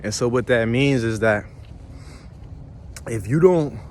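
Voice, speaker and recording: A man's voice: medium pitch, takes it slowly, darkish tone, a little hiss or hum. A man rambling and philosophizing in a casual, profane walk-and-talk vlog, out of breath from walking outdoors by a pond and filming himself on a phone. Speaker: vlogger.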